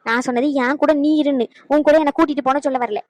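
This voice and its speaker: A woman voicing a sharp-tongued elderly village grandmother in a cartoon, scolding in a quick, fiery way. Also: sits high, fairly even intonation, no echo, lightly acted. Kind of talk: cartoon voice acting.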